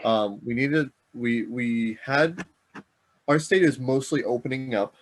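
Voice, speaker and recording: Chuckling as he goes, this middle-aged board game podcast co-host rambles casually and keeps correcting himself. His voice sits at medium pitch and moves at a measured pace.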